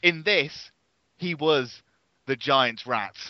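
A man's voice: medium pitch, slow pace, heavy background noise. A man on a podcast panel who eagerly tells behind-the-scenes trivia. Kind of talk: casual panel chat. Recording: dull, dry podcast audio.

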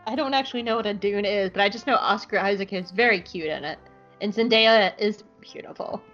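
A woman's voice: medium pitch, a little fast, a bit bright, highs cut off, soft background music. A woman co-hosting a podcast, reading a comedic episode recap in a playful, giggly way from home over a call. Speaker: podcast co-host.

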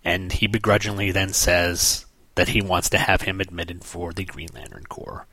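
Wry low-voiced man reviewing comics. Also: fairly even intonation, normal speed, bright, forceful tone, no room sound. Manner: wry, sarcastic asides. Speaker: podcast host reviewing comics. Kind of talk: casual comic review commentary.

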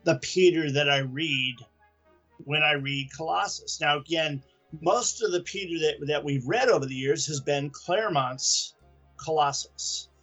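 A man's voice: fairly high pitch, unhurried, a bit bright, faint music behind. A man co-hosting a podcast, chatting casually about comics in a rambling, enthusiastic way. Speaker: podcast co-host.

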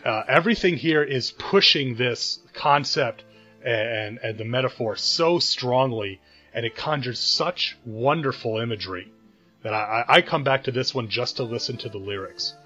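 A man's voice: mid-range voice, normal speed, pushed and bright, muffled recording, faint music behind. A man co-hosting a podcast, talking through an album thoughtfully with many restarts and fillers. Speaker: podcast co-host. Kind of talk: casual album discussion.

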